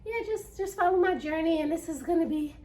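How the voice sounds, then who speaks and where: A high-pitched woman chats earnestly to camera in a casual vlog. She sounds a little nervous and slightly out of breath, and circles back over her own phrases. Her voice sits a short way back from the mic. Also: a little fast, dark tone, far from the mic. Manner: earnest, repeats phrases, many fillers. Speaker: vlogger. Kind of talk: casual first-vlog chat.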